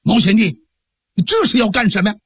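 A male storyteller voicing a courteous senior bandit leader who speaks in a measured, persuasive way. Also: high-pitched, big pitch swings, husky, no echo, clean studio sound, full character voice. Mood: earnest.

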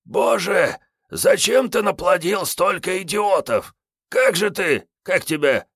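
A man voicing a hungover, boorish male vagrant gunman with a drink-roughened voice, grumbling and rude. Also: high-pitched, expressive, takes it slowly, fairly bright tone, no room sound, clean studio sound, pitched above the performer's own voice, full character voice. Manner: rude, grumbling, self-pitying. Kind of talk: audiobook character voice.

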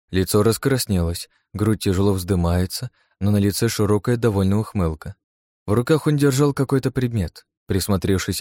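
A man narrates a first-person adventure audiobook with a very low, dark and mellow voice. He reads in a steady, measured way. The recording is dry and close. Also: no room sound.

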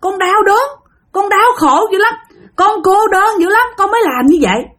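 A woman's voice: a little high, very animated, a little fast, fairly bright tone. A woman with a Southern Vietnamese accent voicing a possessed father whose girl spirit curses, shrieks and pleads. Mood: sobbing. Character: possessed father, a young girl's spirit raging then sobbing.

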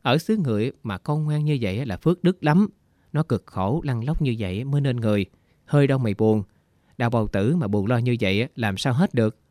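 A caring, loyal woman reassures her friend, as a man reads her part. The voice has a middle pitch. It is recorded dry and close for a storybook reading. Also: expressive, a little fast, dark tone, no echo, lightly acted. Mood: soothing.

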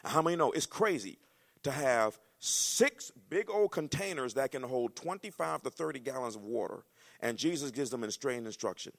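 Male pastor, gravelly, animated sermon delivery, acts out scenes. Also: medium pitch, moderate pace. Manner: animated preaching, acts out dialogue, rises to shouts.

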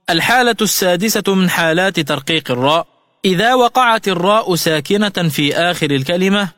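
A man teaching Quran recitation rules on a radio lesson, methodical and repeating each rule slowly. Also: sits high, fairly bright tone. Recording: studio radio voice with long reverb.

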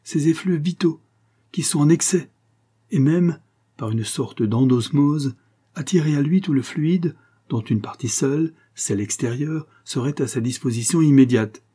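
A man's voice: fairly high pitch, a little slow, warm tone, slightly rough, pitched above the performer's own voice. A man voicing a very old male mesmerist who feverishly confesses to stealing life from children. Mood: rapturous confession. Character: ancient male mesmerist confessing his crimes.

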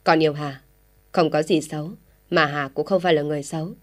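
A woman's voice: low voice, steady tone, a little fast, darkish tone, natural voice. A woman reading an audio story voices a stubborn young man who firmly defies his father. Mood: defiant. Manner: firm, defiant replies.

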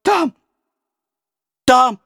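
Storybook role: a man doing a bloodied boy of twelve, very high, panicked, trembling. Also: slow pace, a bit bright, no echo, clean studio sound, full character voice. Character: terrified peasant boy, about twelve, bloodied.

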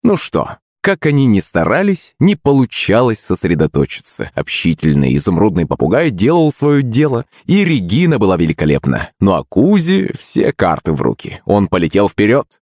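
A man narrating a first-person story in a lively, acted way. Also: fairly low pitch, moderate pace, few pauses, dry recording, studio quality. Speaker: audiobook narrator.

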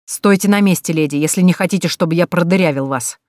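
A woman's voice: fairly low pitch, lively intonation, normal speed, no echo, studio quality, natural voice. A woman voicing menacing male bandits. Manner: threatening, leering.

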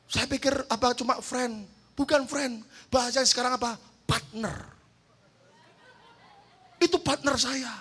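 A man preaching a sermon, fervent and storytelling, calling the congregation to say amen and rising into loud shouts. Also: extremely high pitch, steady tone, unhurried, long pauses, slightly rough. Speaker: pastor.

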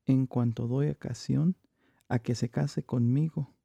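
A man plays a jealous, lovesick man torn between two loves, speaking classical verse in a slow, deliberate monologue. His voice is deep-toned and gravelly, with a dark timbre. The recording is dry and close, with no room sound. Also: fairly even intonation, no room sound. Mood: brooding. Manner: measured, deliberate verse delivery.

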